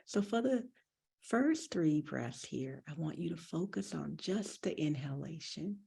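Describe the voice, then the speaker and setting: A woman meditation teacher guides a breathing meditation with a low, mellow, husky voice that has some fry, yet her delivery is animated. She speaks gently and deliberately, giving calming instructions at an unhurried pace.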